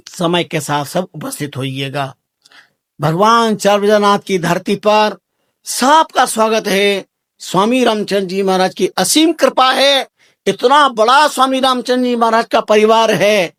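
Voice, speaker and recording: High-voiced man preaching a devotional sermon. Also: a little slow, fairly bright tone, no echo, studio quality. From Rajasthan, India. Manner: exhorting, repetitive, rises to emphatic bursts. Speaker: spiritual teacher.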